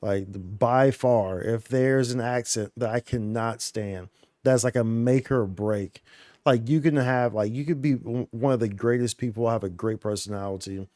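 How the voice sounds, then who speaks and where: A man's voice: medium pitch, moderate pace, darkish tone, no echo, studio quality. A male streamer chatting casually over gameplay in a rambling, slangy way, full of "dude" and "like".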